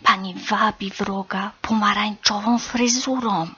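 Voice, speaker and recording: A woman voicing a polite, clever male chameleon in a hushed whispered role-play. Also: mid-range voice, monotone, moderate pace, slightly rough, full character voice. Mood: urgent. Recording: slightly dull recording.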